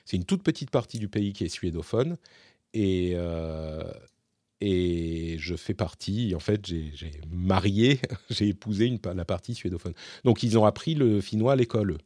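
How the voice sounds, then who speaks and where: Guy host rambling thru viewer questions, lots of euh and restarts, low dark voice, dry close sound. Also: lively intonation, normal speed, no room sound. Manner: chatty, rambling with many fillers and restarts. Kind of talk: casual Q&A monologue.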